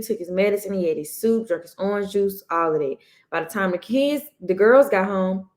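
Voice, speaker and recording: A woman's voice: medium pitch, a little mellow. Earnest woman telling a family story. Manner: earnest, circling back and restarting as she tells a story. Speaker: podcast co-host; mother. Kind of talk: casual storytelling chat.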